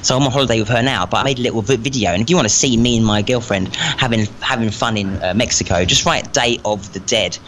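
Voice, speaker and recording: A man's voice: medium pitch, quick pace, hardly any pauses, fairly bright tone. A man chatting casually as a guest on a call, rambling and swearing freely. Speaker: phone-in guest. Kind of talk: casual chat. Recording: noisy remote call.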